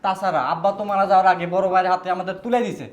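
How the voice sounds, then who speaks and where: A man's voice: sits high, steady tone, very fast, highs cut off, lightly acted. A man playing an earnest, pleading younger brother. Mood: protesting. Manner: pleading, protesting.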